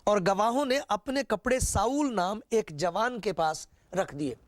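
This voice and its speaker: A man preaching a sermon, retelling scripture with repetition and rhetorical questions. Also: high-pitched.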